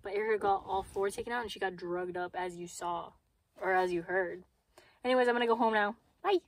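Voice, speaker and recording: A woman in her twenties chats playfully and jokes into a phone held at arm's length, in a car and in small rooms at home. She's a vlogger and a caregiver's friend, speaking fairly quickly in a mid-range voice. The audio quality is poor.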